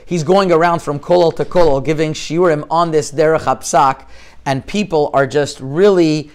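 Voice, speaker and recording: Speaking in a slightly high, a little mellow, clean voice with fairly even intonation, a middle-aged rabbi from Canada delivers an informal lecture. He talks haltingly with frequent restarts and mixes in Hebrew terms.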